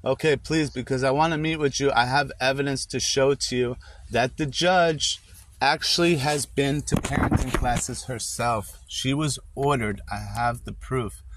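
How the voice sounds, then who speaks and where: A man's voice: medium pitch, fairly even intonation, measured pace, noisy background. A man pleading with a case worker on a phone call, insistent and repeating her name. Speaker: father in a custody dispute.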